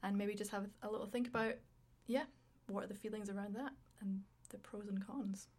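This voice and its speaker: A woman's voice: medium pitch, fairly even intonation, fairly quick, darkish tone. A woman co-hosting a casual podcast, talking with lots of ums and uhs, asking questions and laughing often. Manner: many fillers, asks questions, laughs often. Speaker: podcast co-host.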